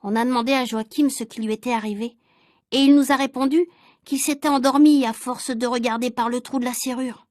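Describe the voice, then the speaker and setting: A woman reads a children's storybook aloud, clear, measured and expressive, for shadowing practice. Her voice is high, and the recording is dry and close with no room sound. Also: dry recording. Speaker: reader.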